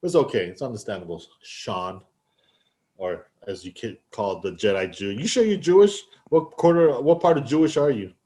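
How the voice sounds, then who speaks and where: A man's voice: on the low side, animated, moderate pace, warm tone. A man co-hosting a casual podcast over a remote call, teasing his partner and laughing a lot. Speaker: podcast co-host. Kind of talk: casual banter. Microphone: headphones, remote call.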